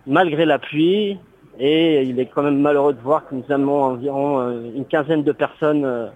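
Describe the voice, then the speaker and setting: A man rings in to a radio show, and his voice comes through a dull, lo-fi phone line. He is a charity volunteer who speaks formally and politely, with frequent pauses, in a somewhat high register for a man. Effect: phone call heard on air. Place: outdoors on a street round.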